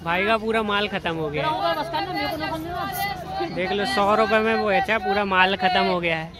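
A man's voice: sits high, fairly even intonation, normal speed. A young man talking straight to viewers while filming a walking vlog on a phone held at arm's length. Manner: upbeat, addresses viewers directly. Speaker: vlogger. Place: crowded outdoor street market. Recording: loud street crowd behind.

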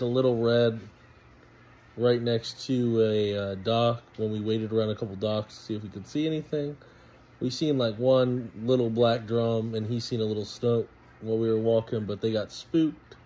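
A man's voice: medium pitch, dark tone, rough recording. A man in his thirties, a fishing vlogger, talking in a loose, rambling way into a phone camera in a small storage room. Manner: laid-back, rambling recap with fillers. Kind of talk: casual vlog narration.

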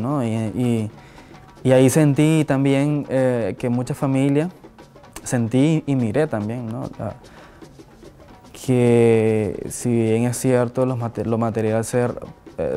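This man's voice is medium in pitch and dark in tone. A visual artist from Nicaragua, he answers interview questions thoughtfully with frequent restarts and tag questions, shown seated in a medium shot from a fixed camera in an indoor office with a flag and shelves.

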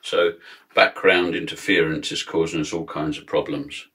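A bass-voiced man in his fifties gives a product demonstration at a measured, steady pace, dropping frequent ums. He's at a desk in a small acoustic-foam room, picked up by a close camera.

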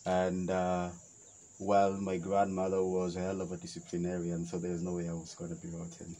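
Outdoors on a shaded veranda by a wetland, a young man with a Kenyan accent answers interview questions in a relaxed conversation, reflective and hesitant, often restarting his sentences. His low, mellow voice is completely flat at a normal speed, and the audio is poor.

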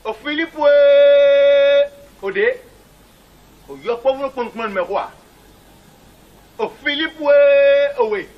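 A man's voice: high voice, unhurried, pauses often, breathy edge. A man acting in a film drama as a menacing village sorcerer, with a repetitive, incantatory delivery. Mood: menacing calls. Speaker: actor. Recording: muffled, noisy old film soundtrack.

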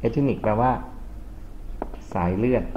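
In a dull, lo-fi classroom recording, a male English tutor teaches grammar slowly at medium pitch. He quizzes students with frequent questions and mixes English terms into his explanations.

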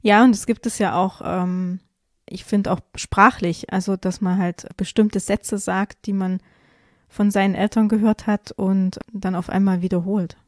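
A woman's voice: mid-range voice, steady tone, measured pace, dry recording, clean studio sound. A woman co-hosting a podcast, asking questions and adding short agreeing replies in a casual conversation.

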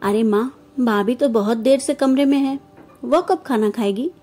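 A woman voicing a gentle, caring young married daughter who speaks softly and coaxingly in a storybook. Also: fairly high pitch, measured pace, faint music behind. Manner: soft, coaxing.

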